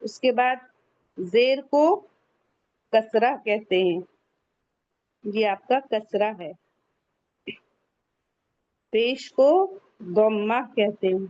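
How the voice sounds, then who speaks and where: Slow, patient woman teaching tajweed. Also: mid-range voice, darkish tone, no echo, dull audio. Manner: slow, repeats questions and answers them herself. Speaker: Quran recitation teacher. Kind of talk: online tajweed lesson, screen shared.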